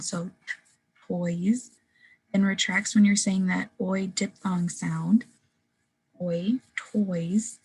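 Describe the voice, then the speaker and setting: Young woman student giving a class talk, really husky breathy voice, lots of ums. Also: mid-range voice, darkish tone, poor audio. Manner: earnest, with frequent "um" fillers. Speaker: student presenter. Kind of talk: class presentation on phonetics.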